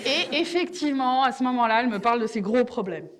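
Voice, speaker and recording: A middle-aged woman performing a stand-up comedy monologue, animated and quick to slip into acted voices. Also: fairly high pitch.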